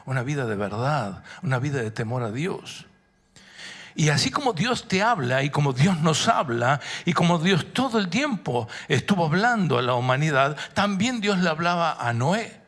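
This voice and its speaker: A man's voice: a little high, a bit bright. A male pastor with an Argentine accent preaching a sermon in a church, often asking the congregation questions. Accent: Argentine Spanish.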